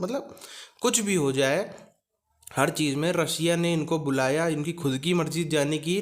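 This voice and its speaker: A man giving casual, conversational commentary on the news for an online channel. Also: fairly high pitch. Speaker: video commentator.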